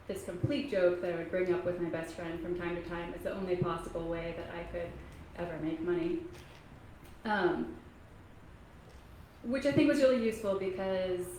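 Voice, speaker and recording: An echoey public library meeting room with faint noise is where a Kentucky author in her thirties speaks casually to an audience. Her voice is lowish, and her soft, halting delivery is filled with pauses and ums.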